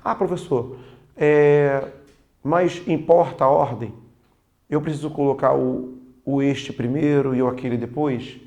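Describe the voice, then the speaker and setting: Puzzled young student with a Brazilian accent, gravelly edge, a teacher putting him on. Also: male voice, mid-range voice, a little slow, darkish tone, muffled recording, natural voice. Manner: puzzled, slangy questioning. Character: confused young adult student asking questions.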